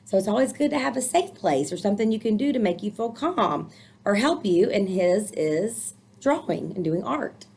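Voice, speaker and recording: Husky and darkish, with some vocal fry, a woman's medium-pitched voice carries an animated picture-book reading at moderate speed. She adds explanatory, encouraging commentary for the children listening.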